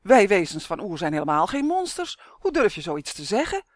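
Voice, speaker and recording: A woman voicing a female magical creature with a fiery temper, who lectures indignantly in a higher, louder voice. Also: sing-song, moderate pace, no room sound, studio quality, close to an everyday voice.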